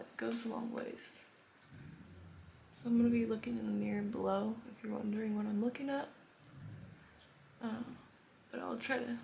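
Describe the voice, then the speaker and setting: A makeup vlogger with a fairly bright, gravelly voice on the high side gives a casual, chatty tutorial, rambling and frequently dropping to a whisper. She sounds a bit out of breath, and there's slight background noise.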